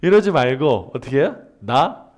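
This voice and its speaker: A man delivers a humanities lecture in a mid-range voice at a moderate pace. He poses questions and answers them himself, and acts out everyday dialogues in lively voices.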